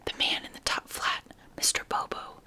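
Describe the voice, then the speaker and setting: Woman doing a kindly forgetful old neighbour lady, storybook whispered role-play, gossipy, bright sharp whisper. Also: moderate pace. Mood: fond, chatty.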